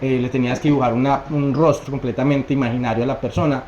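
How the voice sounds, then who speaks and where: A man's voice: medium pitch, steady tone, quick pace, a little mellow, lo-fi sound, slight background noise. A man co-hosting a podcast, chatting in a dry, matter-of-fact way. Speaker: podcast co-host. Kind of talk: casual chat. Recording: roomy podcast audio.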